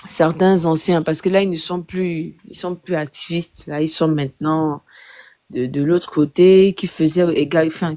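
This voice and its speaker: A woman speaking as a guest on a live panel discussion, reasoning aloud with many pauses, fillers and restarts. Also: fairly low pitch, dark tone, no room sound.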